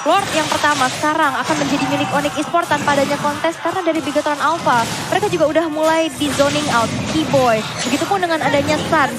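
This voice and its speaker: High-voiced female esports caster. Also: fairly even intonation, fast talker. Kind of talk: live esports commentary with sponsor plugs. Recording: game music behind voice. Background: game music.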